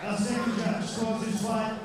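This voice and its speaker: A man's voice: high voice, little pitch movement, unhurried, background noise. A man making formal announcements as a ring announcer at a fight event. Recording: echoey PA in hall, crowd, far off.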